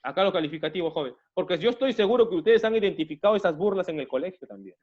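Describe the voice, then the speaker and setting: A Peruvian man leads an online class, talking very fast in a high voice with big pitch swings, repeating himself, restarting often, and calling his students "jóvenes." The sound is lo-fi.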